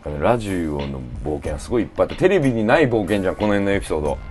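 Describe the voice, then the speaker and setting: A man hosting a casual radio chat and telling stories with lively acted-out quotes. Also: on the low side, racing, faint music behind. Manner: animated storyteller who acts out quotes. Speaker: podcast host.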